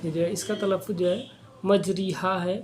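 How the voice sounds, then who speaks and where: A man teaching Quran reading, spelling out letters and vowel marks slowly and one syllable at a time, and telling his learners directly to watch and remember. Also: high-pitched, steady tone, a little mellow, a little hiss or hum. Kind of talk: recorded reading lesson.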